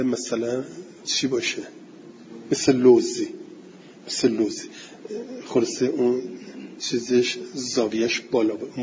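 A man gives a classroom lecture on grammar. He recites the text slowly and then explains it in plain talk. The recording is dull and lo-fi, with a faint hiss and room ambience behind him. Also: medium pitch, darkish tone. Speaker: teacher of Arabic grammar.

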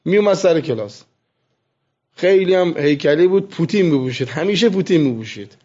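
A man teaching seminary students, lecturing with animated storytelling and soft asides. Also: fairly high pitch. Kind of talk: classroom lecture with anecdotes. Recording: muffled lo-fi recording.

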